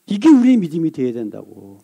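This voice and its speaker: A male pastor delivering a sermon, asking the congregation rhetorical questions and reading scripture aloud slowly. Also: fairly high pitch, wildly swooping pitch, dark tone, slightly rough.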